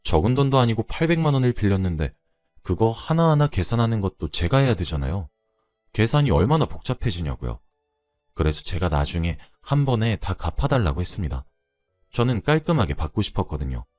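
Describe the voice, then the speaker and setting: A man reading a first-person story aloud in a conversational, lively way. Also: low-pitched, no room sound, studio quality.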